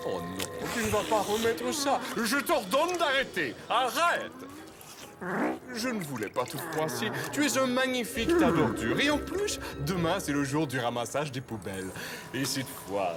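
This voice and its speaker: A man's voice: a little high, wildly swooping pitch, normal speed, music in the background. A man voicing a scheming, vain villainous pet fish in a cartoon, pompous, bossy and gloating with melodramatic flourishes. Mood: indignant, bossy. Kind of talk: animated cartoon acting.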